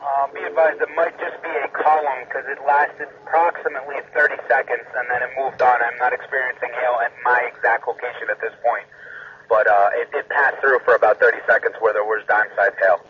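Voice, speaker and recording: A man's voice: mid-range voice, flat delivery, brisk, dull audio. A man calling in as a storm spotter, giving a field report over two-way radio.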